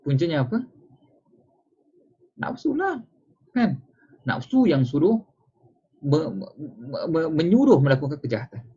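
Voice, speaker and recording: A man's voice: fairly high pitch, very animated, a little slow, pauses often, mellow, slightly rough. A man giving an informal religious lecture, chatty, asking rhetorical questions and acting out little examples. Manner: conversational, asks rhetorical questions and acts out examples. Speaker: religious teacher. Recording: dull lo-fi recording.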